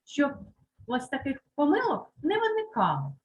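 Give me a woman primary teacher with a high, animated voice, speaking slowly and stressing each word for children. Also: low-quality recording. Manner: slow, emphatic, repeats words aloud for children. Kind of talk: Ukrainian lesson for third graders.

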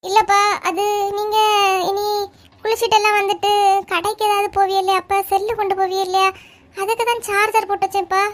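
A meek, apologetic young girl in a cartoon comedy, as a woman puts her on, with a very high, squeaky voice and a Kanyakumari Tamil accent. She answers quickly and tries to please her stern father. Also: little pitch movement. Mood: meek excuses. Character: timid young daughter excusing herself to her father.

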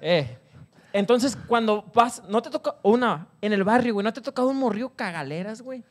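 A man's voice: high voice, animated, fairly quick. A man hosting a live casual chat, teasing his guest and laughing often.

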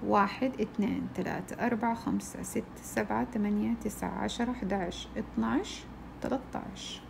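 A woman's voice: medium pitch, fairly even intonation, brisk, gravelly, background noise. A woman teaching a crochet shawl step by step, patiently counting stitches aloud. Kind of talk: step-by-step tutorial.

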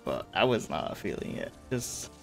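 With a low, slightly bright voice, big pitch swings, and some vocal fry, a thirtysomething man from California chats at normal speed while streaming a game. He laughs often, recording in a home room where faint game music can be heard.

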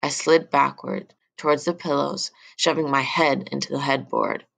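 A woman reading a novel aloud in first-person audiobook narration, steady and measured. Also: very deep voice, vocal fry.

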